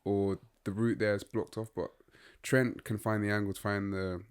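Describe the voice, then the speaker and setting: Laid-back young man, lowish voice. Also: moderate pace, clear, resonant tone. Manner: relaxed, rambling, filler-heavy opinions. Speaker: podcast co-host. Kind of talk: casual football chat.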